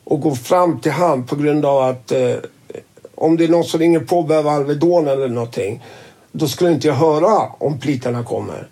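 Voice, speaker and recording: A man's voice: mid-range voice, mellow. A man telling his story casually, swearing freely and acting out who said what. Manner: swears freely and acts out quoted dialogue. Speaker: interviewee.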